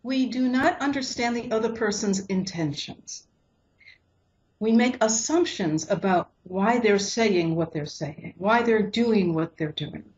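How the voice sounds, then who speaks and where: A woman's voice: mid-range voice, unhurried. Woman counselor explaining, lo-fi. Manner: acts out quoted couples in lively voices. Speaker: relationship counselor. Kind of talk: explanatory interview answers.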